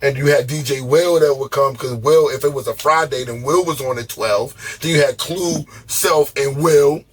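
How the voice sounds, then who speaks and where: A man's voice: mid-range voice, normal speed, breathy edge. A man guest on a podcast, telling stories in a loose, profane, slangy way and often stumbling over and repeating his words. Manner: loose, profane, animated storytelling with slangy street talk. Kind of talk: casual storytelling interview.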